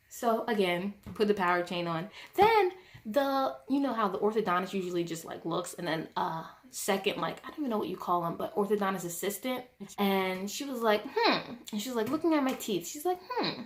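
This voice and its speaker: A woman's voice: medium pitch, animated, fairly quick. A young adult woman venting to camera in a casual vlog, telling a frustrating story in an exasperated way and filling her talk with "like". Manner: heavy use of "like" as filler. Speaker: vlogger.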